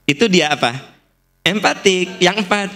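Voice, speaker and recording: A man's voice: high voice, normal speed, bright, forceful tone. A middle-aged man with a Sundanese accent giving a religious lecture in a mosque, explaining points with playful acted-out examples. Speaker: preacher. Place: large mosque.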